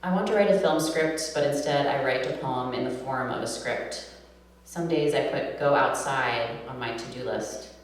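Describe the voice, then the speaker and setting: At a live reading in a reverberant room, a poet from New York City, USA, shares her own poems and introduces them casually. Her nasal voice rumbles low and she speaks at normal speed. A distant mic catches the hall's echo along with a hum.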